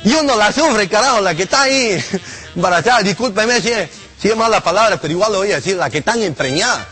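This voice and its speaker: A man's voice: high-pitched, expressive, fast, pushed and bright, soft background music. A man playing an old delivery-room assistant, rambling and swearing as he complains, laughing at his own jokes. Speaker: comedian doing a character monologue. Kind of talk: comic character monologue to camera.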